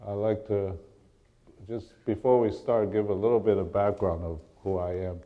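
A middle-aged man from Taiwan, preaching a sermon as a guest preacher. He speaks haltingly, restarts often and clears his throat now and then. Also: fairly low pitch, fairly even intonation, narrow, tinny audio.

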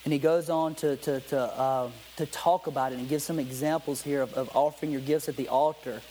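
A man's voice: mid-range voice, steady tone, a little fast, dark tone, slight background noise, poor audio. A man delivering a sermon as pastor before a congregation, reading scripture aloud and asking his listeners questions in a conversational way.

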